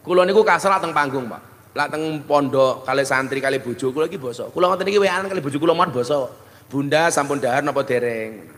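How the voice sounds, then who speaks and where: A middle-aged Javanese-accented preacher delivers a joking sermon, slipping between plain talk and mock voices. His voice sits a little high for a man. A long hall reverb trails after every phrase. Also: a little fast, pauses often, a bit bright. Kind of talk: humorous sermon.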